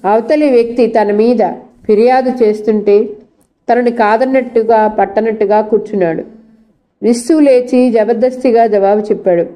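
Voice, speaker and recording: Mellow-voiced woman reading a novel. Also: fairly high pitch, fairly even intonation, normal speed. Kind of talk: scripted narration.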